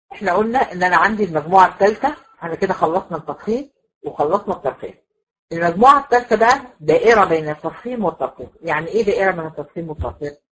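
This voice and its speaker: A woman's voice: medium pitch, fairly bright tone, slightly rough, rough recording. A woman with an Egyptian accent teaching Quran recitation rules in a classroom lecture, asking her students questions and demonstrating the sounds herself. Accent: Egyptian Arabic.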